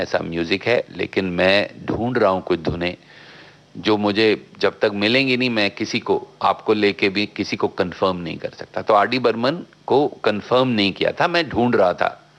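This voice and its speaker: Low gravelly talkative filmmaker, a man. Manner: animated storyteller, mixes English phrases into Hindi; talkative and outspoken. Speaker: filmmaker guest. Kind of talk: radio interview anecdote.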